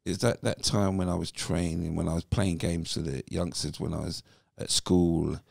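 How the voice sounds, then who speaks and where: A man, a podcast guest telling his story in a lively, animated way. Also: sits low, moderate pace, gravelly, dry recording, clean studio sound. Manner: animated storyteller who acts out voices. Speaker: podcast guest, former footballer. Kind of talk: casual interview storytelling.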